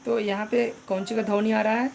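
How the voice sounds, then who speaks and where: A man's voice: high voice, level tone, brisk, creaky, darkish tone, slight background noise. A man teaching an online pronunciation lesson, spelling out letters and repeating each sound, often addressing viewers as friends.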